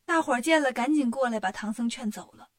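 High-voiced woman telling a children's story. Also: fast. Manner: lively, expressive storytelling.

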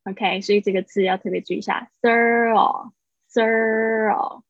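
A woman teaching English pronunciation on a livestream, explaining patiently and repeating words slowly for her students. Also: medium pitch, flat delivery, creaky, breathy edge, dry recording, dull audio, faint music behind.

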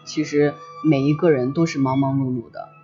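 A woman's voice: very deep voice, steady tone, a little fast, dark tone, lo-fi sound, soft background music. A woman hosting a livestream, chatting casually and reflectively and often restating her phrases. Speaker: livestream host. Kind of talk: casual reflective chat with listeners.

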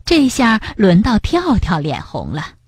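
A woman narrating a children's picture-book story in an expressive storytelling manner. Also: mid-range voice, measured pace, breathy edge, no echo, studio quality.

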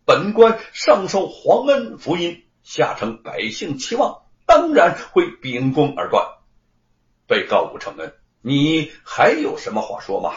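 A man voicing a stern, shrewd prefect judge in an audiobook story, with a measured official cadence and booming pronouncements. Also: huge pitch swings. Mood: stern, mocking. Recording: roomy, slightly dull recording.

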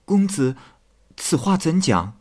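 A man voicing a shy young maidservant who pleads in halting, stammering words in a storybook retelling. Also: a little high, sing-song, a little mellow, voice pushed up, exaggerated voice. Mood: earnest.

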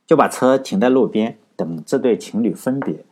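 Husky, low-voiced man narrating a story, steady telling. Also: moderate pace.

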